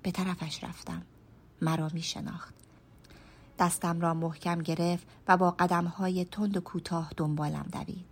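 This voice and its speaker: A woman storyteller narrating a first-person radio story in a hushed, measured way, sometimes dropping to a whisper. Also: fairly low pitch, level tone, husky. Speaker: storyteller and writer.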